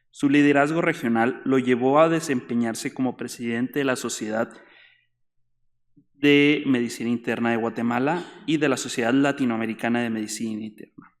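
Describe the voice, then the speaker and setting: A man acting as the event host reads a formal, scripted introduction of the guest speaker. His pitch is a typical middle register. His voice rings with a long reverb in a large hall. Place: lecture hall.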